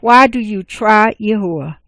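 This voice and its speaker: A woman reading the lines of Moses, an older male leader, in a measured, earnest voice. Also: medium pitch, a bit bright, no echo.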